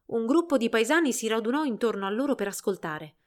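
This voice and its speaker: A woman reading a fairy tale aloud in an expressive storybook narration. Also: a little high, fast talker.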